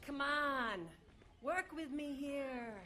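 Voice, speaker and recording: A woman's voice: high voice, slow pace, sharp tone, soft background music, full character voice. A woman playing brash, impatient, cheeky characters in improvised sketch comedy, speaking with emphasis. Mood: exasperated. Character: exasperated female solicitor and cheeky, combative quiz contestant.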